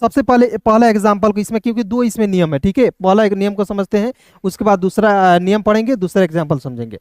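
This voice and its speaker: A male teacher giving a pronunciation lesson, spelling out words slowly and checking often that students follow. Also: high voice, a little mellow, dry recording, clean studio sound. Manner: repeats words slowly, often says "dosto" and "clear hai". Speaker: English teacher.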